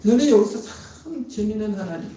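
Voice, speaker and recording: A man preaching a sermon as a pastor, dramatic, swinging between loud emphatic lines and hushed tender ones. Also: sits high, animated, moderate pace. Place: church sanctuary. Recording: very echoey, from far off.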